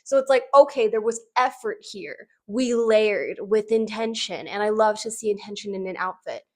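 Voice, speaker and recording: A woman giving casual, opinionated fashion commentary in an informal, conversational way, peppering her sentences with "like". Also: a little high. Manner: informal, conversational, frequent "like" as emphasis.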